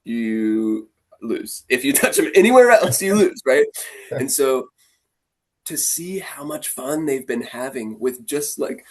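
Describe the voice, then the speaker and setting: A man with a husky, slightly rough voice at a middle pitch, telling stories about his students in a relaxed chat. He talks with lively energy and slips into playful voices when he quotes the kids. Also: unhurried. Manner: animated, acts out the kids' voices. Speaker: martial arts instructor. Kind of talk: casual storytelling conversation.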